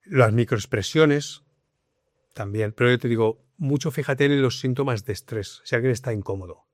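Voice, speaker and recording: A man explains things in a lively, conversational way, often repeating his point. He speaks at a middling pitch into a dry, close microphone with no room sound. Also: normal speed, no echo. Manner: explanatory, lively, leans on repetition. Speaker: guest, communication coach. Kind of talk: conversational interview.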